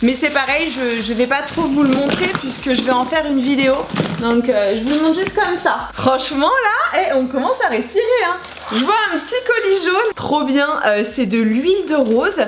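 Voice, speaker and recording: A woman's voice: sits high, lively intonation, moderate pace. A woman in her thirties chatting casually and enthusiastically as she unboxes beauty products, gushing over each one. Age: 30s. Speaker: beauty vlogger. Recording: echoey room, faint noise.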